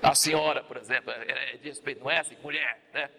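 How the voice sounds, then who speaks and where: A man's voice: mid-range voice, fairly even intonation, fast, gravelly, bright, forceful tone. A male pastor with a Brazilian Portuguese accent preaching a sermon, repeating key phrases and asking the congregation questions.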